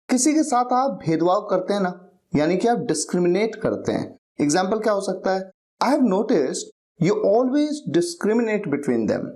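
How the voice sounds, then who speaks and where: A man teaching English vocabulary, slowly reading example sentences aloud, repeating them and spelling words out. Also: sits high, darkish tone. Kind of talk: vocabulary lesson.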